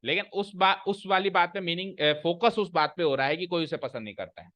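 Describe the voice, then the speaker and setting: A man's voice: high-pitched, brisk, fairly bright tone, no echo. A man teaching English grammar to a class, repeating his points and quizzing the students as he goes. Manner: explains by repeating and asking the class questions. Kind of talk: classroom lecture.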